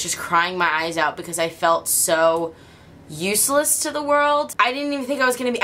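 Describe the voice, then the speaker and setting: A young adult woman YouTuber talks candidly to her camera in a personal vlog, laughing often. Her voice is on the low side with a sharp tone and a regional American accent.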